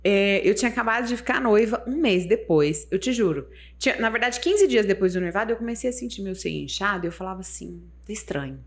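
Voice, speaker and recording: A woman in her thirties, a mother, chatting casually on a podcast in a confiding way, with soft asides. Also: medium pitch, fast talker, hardly any pauses. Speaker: podcast guest, mother of one. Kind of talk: casual chat.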